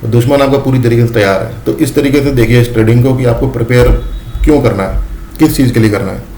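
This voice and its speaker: A man's voice: mid-range voice, quick pace, dark tone, reverberant, slight background noise. A man teaching a lesson, repeating his points and often calling his listeners friends. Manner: repetitive, addresses listeners as friends. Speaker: trading educator. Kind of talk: explanatory lesson.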